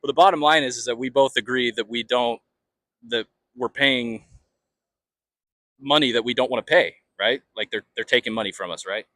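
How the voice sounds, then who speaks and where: A man's voice: mid-range voice, fairly bright tone, clean studio sound. Casting: American male street interviewer, mid-range voice, unscripted and rambling, very little echo. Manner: rambling, halting, repeats phrases. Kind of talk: casual, unscripted street talk.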